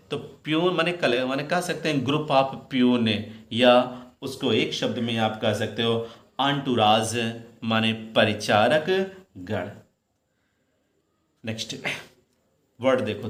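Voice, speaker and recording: A man teaching English pronunciation in Hindi, slowly repeating each word and quizzing his students. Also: medium pitch, fairly bright tone. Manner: addresses students as "beta", repeats words slowly, asks questions. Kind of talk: pronunciation lesson. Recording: roomy echo.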